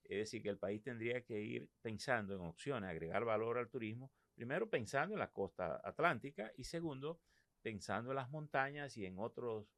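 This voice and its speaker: A man's voice: medium pitch, lively intonation, normal speed, fairly bright tone, dry recording. A man with a Dominican Caribbean Spanish accent, interviewing conversationally on a podcast.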